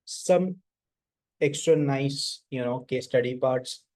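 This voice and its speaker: Mellow North Indian man, lecturing informally. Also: medium pitch, slow pace. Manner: informal, Hindi interjections mixed into English. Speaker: lecturer teaching auditing. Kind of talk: conversational classroom lecture.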